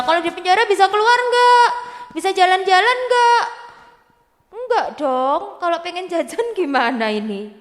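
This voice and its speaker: A woman teaches Sunday school, telling a story to children and questioning them in a lively way. Her voice is high and her pace slow and deliberate, with a long reverb from a hall. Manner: animated, addresses the children directly.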